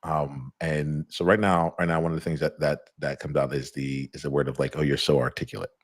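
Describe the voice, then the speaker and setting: A middle-aged man hosts a casual live chat in an extremely deep, flat voice, recorded dry and close with no room sound. Talking a little fast, he rambles and searches for words, circling back through many fillers and restarts.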